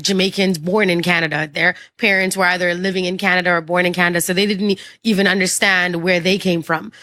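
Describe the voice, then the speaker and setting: Trini lady in her 30s, chatty interview guest, middle pitch, dead dry sound. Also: fairly bright tone, dry recording. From Trinidad and Tobago. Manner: chatty and open, lots of you-knows and likes. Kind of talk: casual interview conversation.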